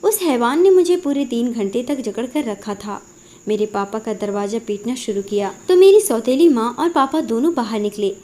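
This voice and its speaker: A woman's voice: on the high side, normal speed, dark tone. A woman narrating an emotional first-person Hindi story in an earnest, dramatic way.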